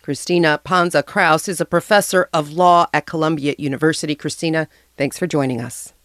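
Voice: mid-range voice, steady tone, fairly quick, a bit bright. A radio host delivering scripted broadcast narration.

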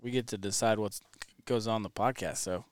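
A man's voice: lowish voice, steady tone, moderate pace. A man co-hosting a podcast in casual, easygoing chat. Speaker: podcast co-host. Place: warehouse.

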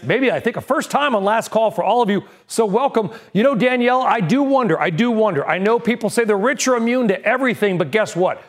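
A man hosting an evening business news show, brisk and punchy with a conversational touch. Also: high-pitched. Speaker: TV news host.

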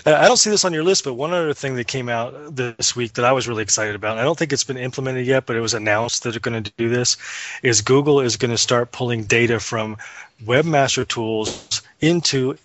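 A man's voice: medium pitch, brisk, a bit bright, dry recording, dull audio. A man co-hosting an internet radio show, talking eagerly and upbeat with frequent restarts. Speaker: podcast co-host. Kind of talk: casual radio chat.

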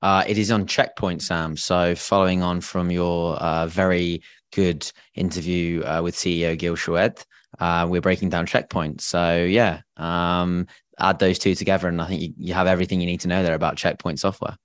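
Deep-voiced male podcast co-host. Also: level tone, normal speed, clear, resonant tone, no room sound. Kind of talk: conversational financial podcast talk.

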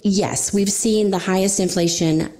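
A woman's voice: medium pitch, fairly even intonation, unhurried, a little mellow. A middle-aged woman talking informally as a financial advisor, explaining things in a conversational way. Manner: informal, explanatory, often says "you know". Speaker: financial advisor guest on a radio show. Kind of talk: conversational financial advice talk.

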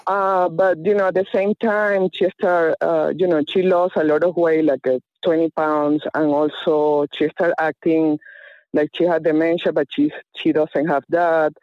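A woman calling in to a radio show over a phone line, speaking in a hesitant, halting way with many fillers. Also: deep voice, fairly even intonation, no room sound. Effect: caller heard over a phone line. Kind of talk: phone-in conversation. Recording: dull phone-line sound.

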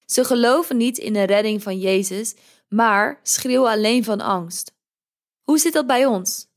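A woman hosting a podcast, reading a devotional in a gentle, measured way. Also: fairly high pitch. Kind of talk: calm scripted devotional reading.

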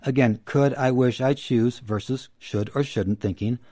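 A man who works as a counselor explains his ideas in an interview, measured and teacherly, repeating his key phrases. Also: mid-range voice, warm tone, no room sound, clean studio sound. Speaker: counselor guest.

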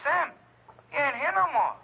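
An actor playing a street-wise morgue attendant who talks in slang, on an old radio drama. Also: male voice, extremely high pitch, lively intonation, moderate pace, vocal fry, exaggerated voice. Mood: blunt. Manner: slangy, blunt. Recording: tinny old radio, phone line.

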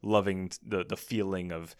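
A man's voice: low voice, steady tone, normal speed, smooth, no room sound. A man co-hosting a podcast, chatting casually with a dry, wry manner and reading old archive clips aloud. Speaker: podcast co-host.

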